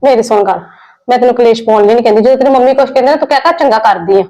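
Woman playing a caring elder sister-in-law, high quick voice, firm, insistent. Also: warm tone, natural voice.

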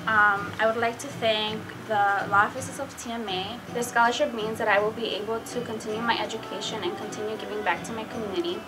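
A woman's voice: fairly high pitch, fairly even intonation, fairly quick, hardly any pauses, over music, poor audio. A nineteen-year-old woman giving a composed, earnest testimonial to the camera as a scholarship student.

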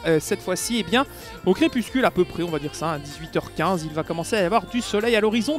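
A young man with a strikingly high voice talks through his rally game run as the host of his gaming channel. His commentary is brisk and playful, full of quips between corners, with faint music running underneath. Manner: lively, jokey play-by-play. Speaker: gaming YouTuber.

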